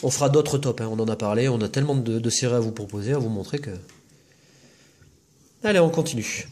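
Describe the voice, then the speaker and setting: A man with a medium-pitched, slightly mellow voice hosts a casual video, opening packs of trading cards. He chats as he lists each card and adds a quick comment on it.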